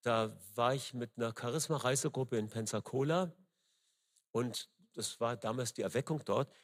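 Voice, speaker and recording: A middle-aged man preaching a sermon, emphatic and rising loud on key words, with frequent fillers. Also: mid-range voice. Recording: long reverb in a large hall.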